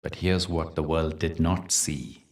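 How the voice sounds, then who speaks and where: A man with a deep, low voice guides a meditation, weaving in stories as he soothes the listener. His delivery is gentle and deliberate, with dramatic pauses, and he sits a little distant from the microphone.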